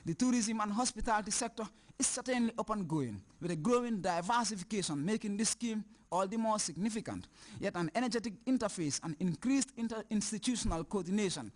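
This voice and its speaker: A man with a Gambian accent reading a scripted news report in a formal, measured way. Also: high-pitched.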